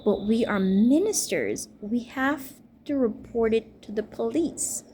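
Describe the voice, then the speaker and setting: A woman's voice: a little high, lively intonation, measured pace, warm tone, slight background noise. A woman in her thirties from Jamaica, a teacher and minister, talking in a rambling personal monologue. She speaks emphatically and repeats herself. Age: 30s. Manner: emphatic, repetitive, stream-of-consciousness.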